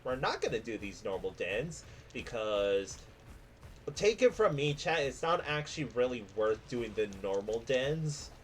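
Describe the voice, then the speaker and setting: A man gives casual live gameplay commentary in a mid-pitched voice. He takes his time, talking to his chat while game music plays prominently behind him. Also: expressive, measured pace, hardly any pauses. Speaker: game streamer. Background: video game music.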